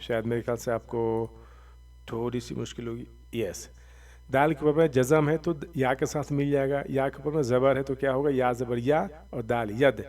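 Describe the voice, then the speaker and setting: A man teaching Quran reading, patiently spelling out syllables slowly and then explaining the rules in quick asides. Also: mid-range voice, steady tone, darkish tone, distant mic. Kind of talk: recitation lesson, spelling out letters.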